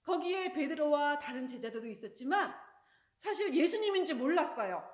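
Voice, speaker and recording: High-voiced woman telling a kids' sermon. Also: moderate pace. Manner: animated, addresses children directly. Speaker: children's church storyteller. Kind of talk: children's sermon storytelling. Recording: roomy echo.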